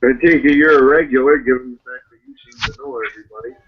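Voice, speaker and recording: Man playing a reserved bar newcomer, dry and measured, a little distant, lo-fi. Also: mid-range voice, fairly even intonation, breathy edge, natural voice.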